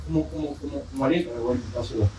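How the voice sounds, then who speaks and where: A man's voice: medium pitch, rapid-fire, dark tone, a little hiss or hum. A man with a Mexican accent preaching a sermon, telling a story with joking asides. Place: church. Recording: roomy church hall from far off.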